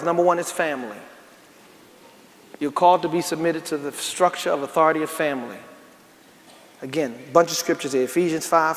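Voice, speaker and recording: A man preaching a sermon as pastor, folksy, calling out to the congregation and rising into emphatic bursts. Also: a little high. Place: large church sanctuary. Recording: echoey church hall with faint noise.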